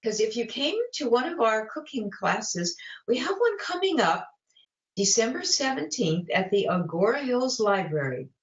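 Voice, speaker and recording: In a casual interview chat, a woman in her seventies (late seventies) talks about cooking as a guest; she is a vegan cookbook author and cooking teacher. Her fairly high voice is very animated at a normal speed, full of fillers and restarts, and the recording sounds reverberant and muffled.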